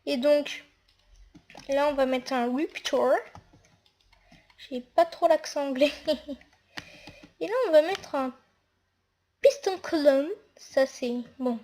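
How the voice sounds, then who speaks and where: A woman's voice: high voice, takes it slowly, long pauses, darkish tone. A woman talking through a casual game tutorial while she builds, hesitant and full of fillers. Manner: hesitant, narrates actions with fillers.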